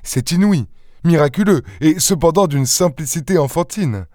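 Man reading uneasy amazed gentleman, questioning, higher voice, dry close sound. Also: lively intonation, moderate pace, dry recording, lightly acted. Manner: nervous, easily amazed, questioning. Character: anxious, astonished gentleman, middle-aged man. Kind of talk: audiobook character voice.

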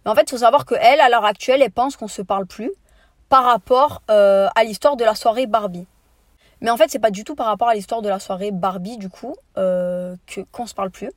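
Fast-talking indignant young woman. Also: mid-range voice, no room sound, studio quality. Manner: animated, indignant storytelling with slangy asides. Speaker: podcast host. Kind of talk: casual storytime monologue.

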